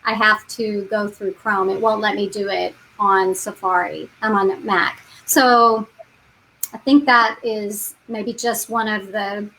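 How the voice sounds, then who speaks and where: A woman's voice: mid-range voice, fairly even intonation, slow, a bit bright, a little hiss or hum, rough recording. A middle-aged woman co-hosting a live online panel over a video call, friendly, reading out questions and laughing easily. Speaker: co-host of an online training panel.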